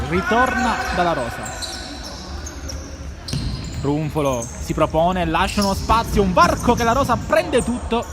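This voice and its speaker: A man giving live futsal commentary, his voice rising excitedly for goal calls. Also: sits high. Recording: loud indoor sports hall noise.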